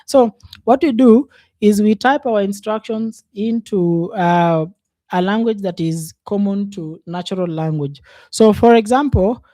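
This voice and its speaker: A man's voice: high-pitched, unhurried, mellow, dry recording, clean studio sound. A man teaching a programming class over a screen share, talking it through unhurriedly and thinking aloud with frequent fillers. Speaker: programming instructor. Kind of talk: casual screen-share coding lesson.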